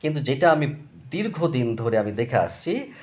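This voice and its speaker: A man's voice: medium pitch, sing-song, normal speed, a little mellow. A man, teaching a grammar lesson in a chatty, digressive way and repeating terms for emphasis. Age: 50s. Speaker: tutor. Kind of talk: spoken English grammar lesson.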